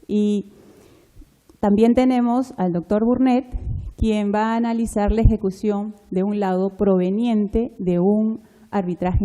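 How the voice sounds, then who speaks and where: Woman, conference moderator. Very mellow, dark tone, mid-range pitch, formal and halting explanatory delivery. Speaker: panel moderator. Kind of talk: formal conference panel introduction.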